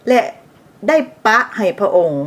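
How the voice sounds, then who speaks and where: A woman from Laos narrating a history episode in a scripted way, pausing to explain terms and adding side remarks for the listener. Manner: explanatory, adds asides for the listener.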